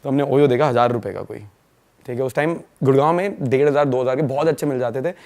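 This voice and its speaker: A young man from India, a podcast guest, telling stories in a fast, slangy, casual way and laughing along. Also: mid-range voice, a little mellow. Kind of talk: casual storytelling chat.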